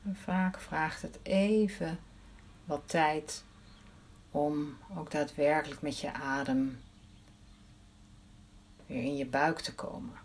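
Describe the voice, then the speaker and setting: A woman leading a guided breathing meditation in a soft, soothing voice, counting the breaths aloud. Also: deep voice, steady tone, slow pace, pauses often, slight background noise.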